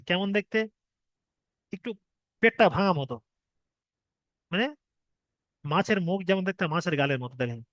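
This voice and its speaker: Guy teaching arabic letters, fairly high voice, dead dry sound, stretches out the letter sounds slow. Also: a bit bright, dry recording. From Bengal. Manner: patient, repeats each point, asks students if they understood; draws out letter sounds slowly as examples. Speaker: Quran reading teacher. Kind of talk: online Arabic letters lesson.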